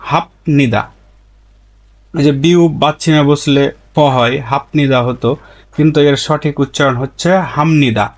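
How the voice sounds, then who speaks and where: A man teaching a language lesson, patiently explaining rules and slowly repeating each example word twice. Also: fairly high pitch. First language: Bengali.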